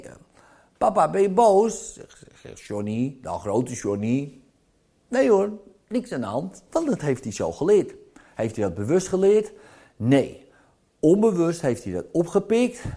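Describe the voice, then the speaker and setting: Middle-aged man explaining with lively little scenes. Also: medium pitch. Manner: lively storytelling, acts out little scenes, frequent tag questions. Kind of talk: explanatory talk to parents.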